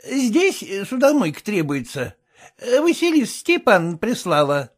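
A man's voice: high-pitched, sing-song, normal speed, pitched above the performer's own voice. A man doing a humble old bathhouse woman. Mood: plaintive. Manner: hesitant, simple, with filler "э".

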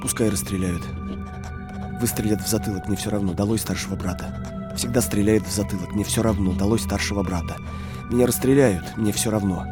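An actor playing a weary male clerk in his late thirties, speaking slowly and brooding, in an audio drama. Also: on the low side, music in the background, lightly acted. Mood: reckless. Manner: slow, brooding, growing defiant.

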